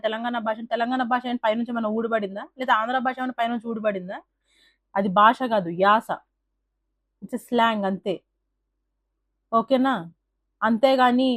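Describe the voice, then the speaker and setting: A woman vlogger talks fast and with force, hammering her points home by repeating key words and dropping English terms into her sentences. Her voice sits a little high, and the sound is dry and close, with no room around it. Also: dry recording. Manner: mixes English words into Telugu. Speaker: YouTube vlogger. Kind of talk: opinion vlog monologue.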